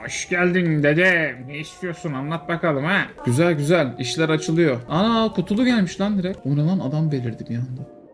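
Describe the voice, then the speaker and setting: A man with a voice sitting a little high for a man talks through a game in a loose, casual way. He jokes, exclaims and swears freely as things go wrong, with faint music playing under him. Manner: excitable, joking, quick to exclaim and swear. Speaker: streamer. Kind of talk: casual gameplay commentary.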